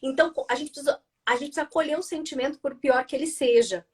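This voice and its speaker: A woman's voice: sits high, fast, a little mellow. A Brazilian woman hosting a live stream, explaining ideas about feelings and reading out viewer comments in an encouraging teaching tone. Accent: Brazilian Portuguese. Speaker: host, journalist and communication coach.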